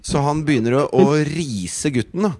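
A man's voice: a little high, a little mellow, dry recording, clean studio sound. A man, co-hosting a podcast and telling a story in an indignant, profane way. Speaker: podcast co-host. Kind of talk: casual chat.

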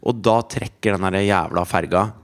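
A man with a somewhat low voice tells a long story in casual conversation. He is animated and acts out the people he quotes. His speech is loose and peppered with swearing. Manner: animated anecdote telling with laughs and profanity. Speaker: storyteller guest. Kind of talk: casual chat.

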